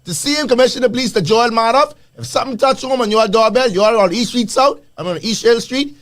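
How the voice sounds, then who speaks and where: A Bahamian man co-hosting a radio talk panel, arguing forcefully and talking over the others. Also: very high voice, fast. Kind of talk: heated radio panel debate.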